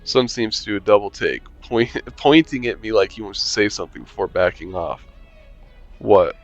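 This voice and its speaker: Reading a visual novel aloud at normal speed, a man with a lowish voice throws in dry, sarcastic asides and swears casually as he comments. He's a game streamer; the audio has its highs cut off, with soft background music.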